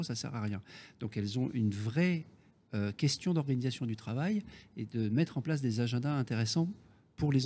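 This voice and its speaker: A man's voice: mid-range voice, warm tone. A man with a Parisian French accent explaining things as a business guest in a panel discussion, repeating key phrases for emphasis. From Paris region, France. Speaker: business executive, guest on the show.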